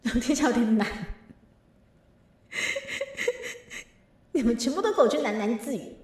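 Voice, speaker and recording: A woman's voice: on the high side, sing-song, slow pace. A woman streamer with a Taiwanese Mandarin accent, chatting casually between songs and playfully pretending to be angry at her chat. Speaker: virtual streamer. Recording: roomy sound with faint backing music.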